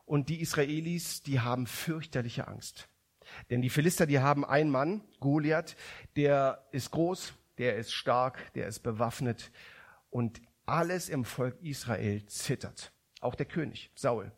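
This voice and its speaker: Husky-voiced male preacher. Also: mid-range voice, measured pace. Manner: conversational storytelling, many restarts. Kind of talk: sermon.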